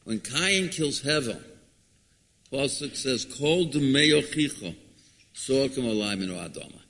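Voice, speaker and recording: A man's voice: medium pitch, lively intonation, measured pace, gravelly, fairly bright tone. A man gives a religious lecture like a rabbi, dramatic and emphatic, posing rhetorical questions and repeating himself. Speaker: rabbi giving a Torah lecture. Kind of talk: sermon, expounding scripture. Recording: echoey hall with long reverb.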